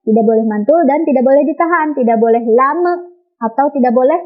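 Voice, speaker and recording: A high-pitched woman with an Indonesian accent gives a children's lesson, patiently repeating and modeling each sound. The recording is dull and lo-fi. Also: fast talker. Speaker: Quran recitation teacher.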